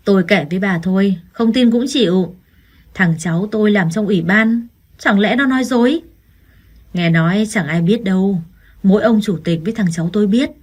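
A woman voicing a gossiping village woman who insists on her rumors, in a husky voice. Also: medium pitch, moderate pace, darkish tone, lightly acted. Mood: gossipy.

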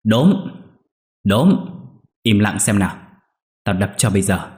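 A man voicing a grown son who shouts loudly and frantically in a strained, raised voice. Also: expressive, slow pace. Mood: angry. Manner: loud, high, panicked shouting.

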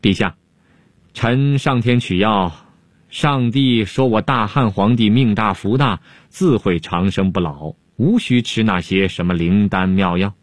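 A man's voice: fairly low pitch, measured pace, no room sound, clean studio sound, natural voice. A man voicing a sly, unflappable male Han court jester-scholar who talks in a teasing, self-assured drawl. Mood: pleading.

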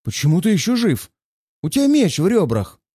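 Man voicing a panicky grandmaster, shrill yelling, desperate, high voice, dry close audiobook sound. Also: huge pitch swings, normal speed, slightly rough, no echo, heavily acted. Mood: shocked. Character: panicking male grandmaster, sweating, losing his nerve.

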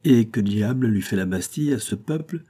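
A man's voice: lowish voice, animated, fairly quick, mellow, breathy edge. A man reading a haughty, scornful prison governor. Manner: disdainful, scornful questioning. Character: haughty, suspicious middle-aged male prison governor.

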